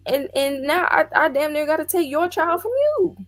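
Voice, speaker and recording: A woman's voice: sits high, sing-song, moderate pace, soft background music. A woman co-hosting a podcast discussion, talking emphatically and firing off incredulous rhetorical questions. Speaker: podcast co-host. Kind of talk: casual discussion.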